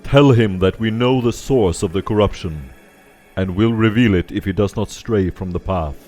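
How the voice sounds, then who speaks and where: A man voicing a towering alien creature with a loud, booming, commanding voice. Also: moderate pace, soft background music, lightly acted.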